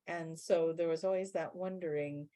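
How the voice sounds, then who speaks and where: A woman channelling a guide being in a spiritual question-and-answer session, explaining in a measured way and slowing down to stress key words. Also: sits low, steady tone, dark tone.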